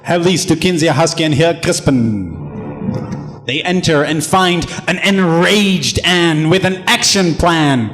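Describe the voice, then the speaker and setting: A man's voice: on the high side, measured pace, a bit bright. A young man narrating an improvised stage play, reading the stage directions aloud. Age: young adult. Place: large stage hall. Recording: hall reverb with music behind.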